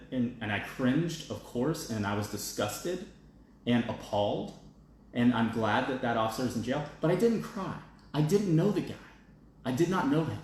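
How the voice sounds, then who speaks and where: A blunt man from the United States, hosting his own opinion show, rants in a casual, emphatic way and keeps tagging his points with "okay?" and "all right?". His voice sits at an ordinary middle pitch. It rings in a very echoey room with a faint hiss behind it. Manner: reads out viewer comments.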